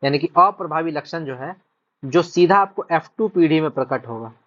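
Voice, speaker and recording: A man's voice: fairly high pitch, moderate pace, fairly bright tone. A male teacher, explaining a lesson step by step, repeating points and often asking whether students have understood. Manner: repetitive, checks understanding often. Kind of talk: whiteboard-style lesson explanation. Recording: dull lo-fi recording.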